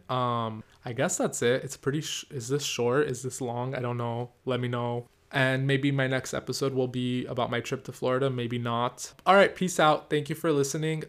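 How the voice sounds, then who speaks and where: A man hosting his own podcast alone, chatting casually and excitedly, rambling with many fillers and jumping between topics. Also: mid-range voice. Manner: excitable, rambling, lots of "like" and laughs. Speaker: podcast host. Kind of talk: solo casual podcast chat.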